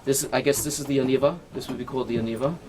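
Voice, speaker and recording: A rabbi talks a small class through an informal lesson, showing knots with his hands as he explains each step. He keeps checking in with "right?" and drops Hebrew and Yiddish terms into his English. There is a faint hiss behind his middle-pitched voice. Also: steady tone, racing, darkish tone. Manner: demonstrates knots with his hands while talking. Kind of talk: informal halacha lesson with demonstration.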